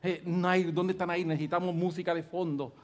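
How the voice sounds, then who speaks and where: High-voiced man preaching with force. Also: flat delivery, fairly quick. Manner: emphatic, swings between quiet and loud; repeats phrases for stress. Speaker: pastor. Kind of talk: sermon. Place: church service before a congregation.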